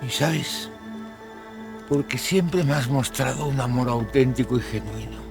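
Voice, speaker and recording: An actor playing a blind older landowner who speaks gravely and paternally to his daughters. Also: medium pitch, unhurried, music in the background. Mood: tender. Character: blind older landowner father, firm and tender. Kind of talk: telenovela-style film acting.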